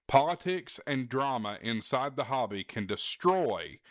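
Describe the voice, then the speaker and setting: With big swings in pitch and a slightly slow delivery, this man's mid-range voice guides viewers through his ham radio show. He speaks casually and directly to camera, earnest and supportive, emphasizing key words, in a dry, clean studio recording.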